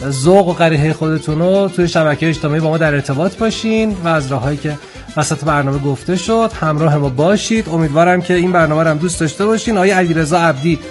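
A man with a somewhat high voice hosts a radio comedy program. He talks briskly and cuts in on his guests with playful banter. His delivery is informal and quick. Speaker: radio host. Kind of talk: radio show hosting.

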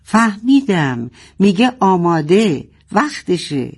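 A woman voicing a brave narwhal who leads the sea fish, calling out slowly and drawn out. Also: on the low side, sing-song, darkish tone, slightly rough, voice pushed up, exaggerated voice. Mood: rallying.

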